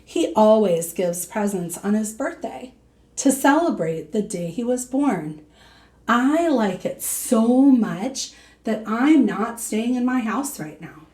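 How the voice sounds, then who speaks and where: A woman voicing a big, gentle, courteous male panda in a storybook, speaking politely and kindly. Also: on the high side, expressive, slow pace. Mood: warm, kindly.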